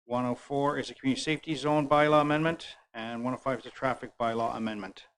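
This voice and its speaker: A man chairing a town council meeting, running through motions briskly with fillers and restarts. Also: medium pitch, steady tone, fairly bright tone, clean tone, rough recording.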